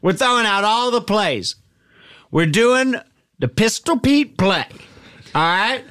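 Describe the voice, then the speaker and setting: A man's voice: high-pitched, animated, takes it slowly, a bit bright, smooth, exaggerated voice. A man playing a manic, bullying, scheming basketball coach, ranting and repeating orders in an improvised comedy halftime pep speech. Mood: bossy, worked up.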